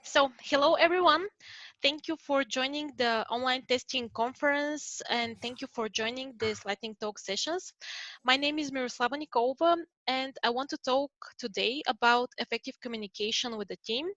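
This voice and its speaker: A woman from Bulgaria giving a prepared talk over a video call, with a steady, slightly careful delivery. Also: sits high, moderate pace, no echo. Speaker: conference speaker. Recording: dull, muffled online call audio.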